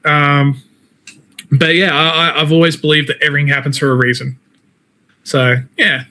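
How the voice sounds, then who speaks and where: An Australian wrestler and game streamer chats casually as an interview guest, talkative and informal, peppering his speech with "man" and "like." His voice is fairly high, bright, and forceful yet flat in delivery at normal speed, with poor audio.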